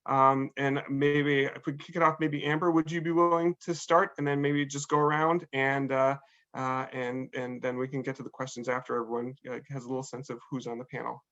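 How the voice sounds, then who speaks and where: A man welcomes people to an online panel in an even, level voice, halting and restarting often. The sound is dull and lo-fi, as on a video call. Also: mid-range voice. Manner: halting, many fillers and restarts. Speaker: admissions dean hosting a panel.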